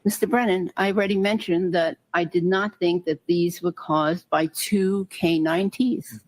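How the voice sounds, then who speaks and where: A woman giving courtroom testimony as a medical expert, careful and qualifying, halting and restarting words as she explains. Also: lowish voice, steady tone. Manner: careful, qualifying, halting with repeated word starts. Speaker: medical expert witness, doctor.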